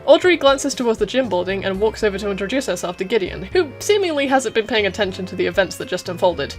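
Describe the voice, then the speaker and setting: A woman's voice: mid-range voice, lively intonation, fast talker, faint music behind. A woman reading scripted narration for a game story.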